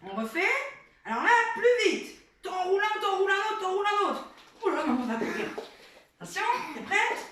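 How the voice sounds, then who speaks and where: A woman with a high voice talks a child through a home game and explains it to viewers, her tone steadily encouraging. She sounds set back from the mic in a small, very echoey indoor room. A faint noise runs under the recording. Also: big pitch swings, a little fast, a bit bright, distant mic. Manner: encouraging, coaching a child along. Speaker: mother demonstrating children's games. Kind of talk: casual how-to demonstration for viewers.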